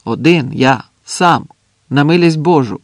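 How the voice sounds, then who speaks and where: A man reading a young partisan messenger who shouts and pleads with soldiers in a trench, in an audiobook. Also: on the high side, big pitch swings, a little slow, dry recording, clean studio sound. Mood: pleading shouts.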